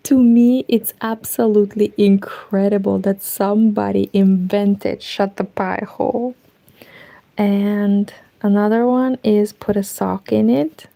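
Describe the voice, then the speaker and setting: Her mid-range voice is dark and steady, slow-paced and edged with vocal fry. This Romanian-accented knitting streamer chats loosely with her audience from a curtained room at home, wandering off-topic, talking to herself, and dropping into whispers.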